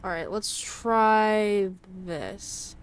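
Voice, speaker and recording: A woman streamer chatting casually over a detective game, reacting with swearing and amusement as she plays. Her voice is mid-pitched and everyday. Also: extremely slow, clear, resonant tone. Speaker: gaming streamer. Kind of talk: casual let's-play commentary.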